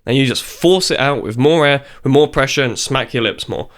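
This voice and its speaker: A man's voice: mid-range voice, a little fast, background noise. A man giving a casual video tutorial on beatboxing. He talks in a chatty, informal way and stops to demonstrate the sounds. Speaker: beatbox teacher.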